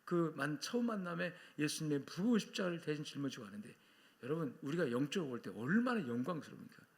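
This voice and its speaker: A man's voice: on the high side, big pitch swings, fast talker. A male pastor preaching a Sunday sermon with strong emphasis, acting out quoted voices and asking the congregation to repeat after him.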